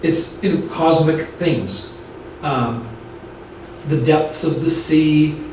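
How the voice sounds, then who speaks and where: A man teaches a church Bible study, explaining as he goes, restarting his sentences and checking that the class is following. His voice sits fairly high. He is picked up from across a very echoey room, with faint noise behind him. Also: slow, a little mellow, recorded from a distance.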